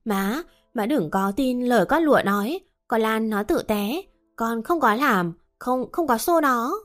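A woman's voice: on the high side, animated, measured pace. A woman voicing a spiteful, jealous young wife who scolds harshly. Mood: desperate. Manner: harsh scolding, then desperate pleading.

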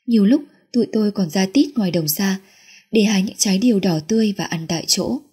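Very husky, mellow woman storyteller. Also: mid-range voice, animated, quick pace. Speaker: audiobook narrator. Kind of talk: first-person storybook narration.

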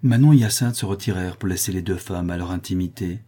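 Calm guy reading a novel aloud, low voice, mellow. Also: fast talker, breathy edge. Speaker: audiobook narrator. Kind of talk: scripted narration.

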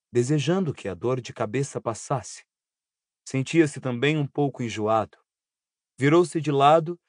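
Man reading an audiobook, even and steady, dry studio sound. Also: mid-range voice, no echo. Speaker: audiobook narrator. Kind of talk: scripted narration.

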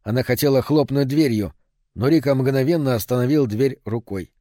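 A man narrating an audiobook in a steady, even reading voice. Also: mid-range voice, moderate pace, dry recording, studio quality. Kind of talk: scripted narration.

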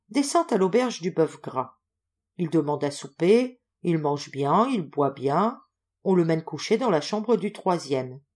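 A woman voicing a chatty, gossipy male junk dealer in an audiobook, telling his tale loudly and with lots of exclamations. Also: fairly low pitch. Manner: loud, exclaiming, animated storytelling. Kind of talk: audiobook character voice.

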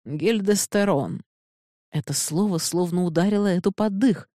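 A woman narrating an audiobook in a measured, even reading voice. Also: sits low, no room sound, studio quality. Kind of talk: scripted narration.

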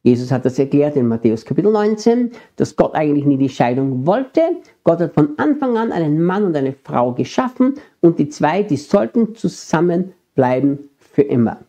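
A man's voice: fairly high pitch, big pitch swings, moderate pace, warm tone. A middle-aged man with an Austrian accent preaching a sermon, earnestly addressing his congregation. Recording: dull lo-fi sermon recording.

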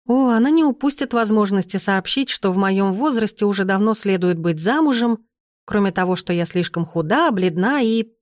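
A woman's voice: mid-range voice, lively intonation, normal speed, no room sound, studio quality, close to an everyday voice. A woman voicing a gloomy young noblewoman with a strange gift, speaking in a plaintive, pleading way. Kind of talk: audiobook character reading.

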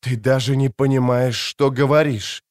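A male audiobook reader voicing a cold, stern ancient male elf who speaks with calm, measured warnings. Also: mid-range voice, no room sound, clean studio sound, natural voice. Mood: cold contempt. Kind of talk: audiobook character reading.

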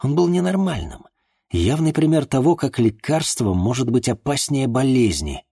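A man reading a first-person story aloud in an expressive narrating manner. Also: mid-range voice, normal speed, vocal fry, husky. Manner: expressive, acts out the dialogue. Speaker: audiobook narrator.

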